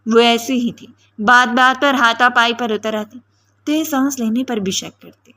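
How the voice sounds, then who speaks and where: A woman narrating a romance novel as a spoken audiobook. Her delivery is dramatic storytelling, in a voice pitched a little high. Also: fairly even intonation, bright, forceful tone.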